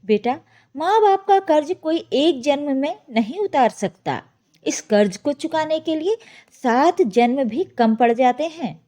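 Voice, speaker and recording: Woman doing a gentle elderly mother. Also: high-pitched, expressive, unhurried. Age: older. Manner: soft, tender.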